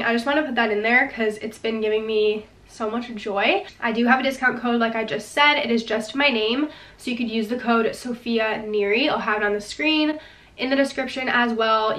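A woman's voice: fairly high pitch, normal speed, fairly bright tone. A woman in her twenties chatting to camera as a lifestyle vlogger, a little stuffy from a recent illness, enthusiastic and full of "like". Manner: chatty, says "like" a lot, enthusiastic. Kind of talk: casual chat to camera. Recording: roomy echo, mic at a distance.

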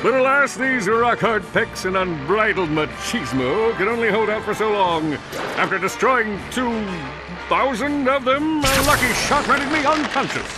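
Captain Quark, a pompous blowhard hero. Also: male voice, sits high, lively intonation, normal speed, rough recording. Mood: boastful. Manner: pompous, showy announcer delivery. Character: boastful cowardly male superhero captain. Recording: game cutscene with loud music.

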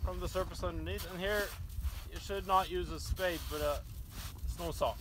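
A man in his thirties from Norway, calmly explaining a snow pit test step by step outdoors on a snowy mountain slope. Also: sits high, moderate pace, noisy background. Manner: calm, methodical, explains step by step. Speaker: ski guide digging a snow pit. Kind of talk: casual explanation while working.

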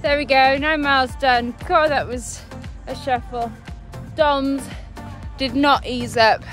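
Woman, out of breath, chatty rambling vlog, higher voice, music behind. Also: fairly bright tone. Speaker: running vlogger. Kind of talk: casual vlog while running. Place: outdoors, cold night.

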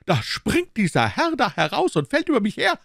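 A man's voice: wildly swooping pitch, creaky, fairly bright tone, dry recording, clean studio sound, full character voice. A man voicing a sulky, defiant housemaid who shrieks back at her accuser, in a German audiobook reading. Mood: defiant shrieking. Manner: shrill, shrieking, fast, coarse.

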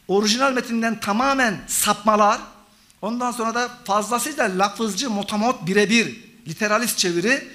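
A man's voice: sits high, sharp tone. A middle-aged man, a professor, giving an academic conference talk, lecturing and listing examples for the audience. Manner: lecturing, addresses audience as friends, lists synonyms. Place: conference hall.

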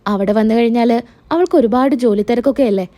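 A woman's voice: fairly high pitch, quick pace, mellow, close to an everyday voice. A woman voicing a cold, curt young husband in a spoken recap of a TV serial, talking in a short, dismissive way. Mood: guarded.

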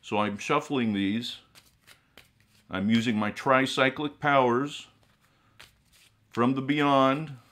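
A middle-aged man playing a ghoulish horror host, speaking in a drolly morbid, theatrical, drawn-out manner. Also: medium pitch, steady tone, fairly bright tone. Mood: theatrically solemn. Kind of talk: comic horror-host monologue to viewers. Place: small indoor room with collectible shelves.

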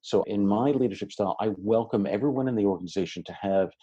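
A man over sixty with a low, mellow voice talks as a podcast guest. He speaks in a relaxed, welcoming and articulate way, with a few fillers, as he answers at length. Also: fast talker, husky, lo-fi sound. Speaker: podcast guest, education researcher. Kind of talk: reflective interview answers.

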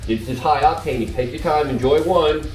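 A man in a casual roundtable beer review who calmly explains his views. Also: a little high, brisk, roomy sound, recorded from a distance, faint music behind.

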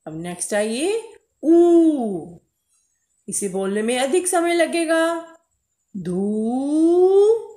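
The voice belongs to a primary school teacher giving young children a Hindi lesson, syllable by syllable; it's high-pitched, sing-song and mellow. She calls herself "ma'am," calls the children beta, and stretches her vowels, all captured in an echoey room.

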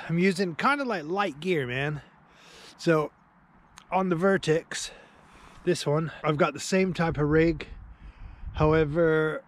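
A fortysomething man with a fairly high pitch vlogs on a riverbank, speaking casually to an action camera that's close at hand or set nearby. The rough recording carries outdoor wind and ambient noise. His manner is laid-back, heavy on "man" and "dude," and he gets excitable once he lands a fish.

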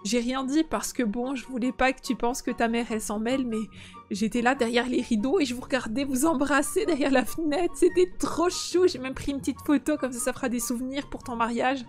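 A woman's voice: high voice, brisk, soft background music, lightly acted. A woman voicing a fond, teasing mother in a game role-play. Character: doting gossipy mother.

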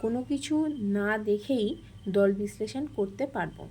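A woman's voice: medium pitch, moderate pace, dark tone, a little hiss or hum. A woman teacher explaining a grammar lesson step by step, asking questions and answering them.

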